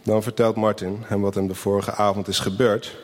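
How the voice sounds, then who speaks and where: Low-voiced man reading a story, reverberant. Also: little pitch movement. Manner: gentle, unhurried reading of a Christmas tale. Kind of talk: storybook narration with character voices.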